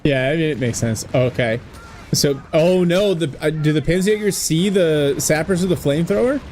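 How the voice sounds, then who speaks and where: A man casting a strategy game in a relaxed, chatty way, laughing often and slipping into jokey voices. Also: on the high side, moderate pace, slight background noise. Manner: laughs often, drops into a mock German voice. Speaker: game caster. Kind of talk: casual game commentary.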